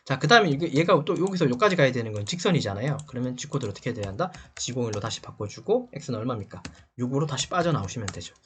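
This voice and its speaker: A man's voice: medium pitch, very animated, fast, hardly any pauses, a bit bright, slight background noise. A man teaching CNC programming over a screen recording. He asks questions and answers them himself, with short checks like "right?". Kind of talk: screen-recorded lecture explaining a drawing.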